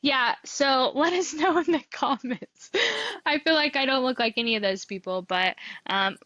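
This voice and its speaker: A woman's voice: high-pitched, moderate pace, a bit bright, no echo, lo-fi sound. A woman co-hosting a podcast in casual chat, easygoing and laughing along between lines. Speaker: podcast co-host.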